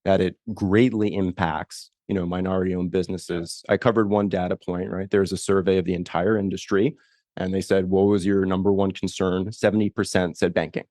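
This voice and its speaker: A man's voice: low-pitched, level tone, fairly quick, a little mellow, dry recording, studio quality. A man interviewing a guest, asking long, rambling questions full of "you know" and "right?". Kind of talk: conversational interview.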